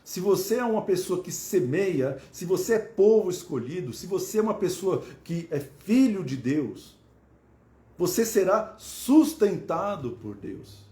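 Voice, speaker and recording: A man's voice: high-pitched, sing-song, a little slow, dark tone. Brazilian-Portuguese-speaking male preacher, echoey room. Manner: rhetorical questions to listeners; repeats phrases for emphasis. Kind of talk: sermon.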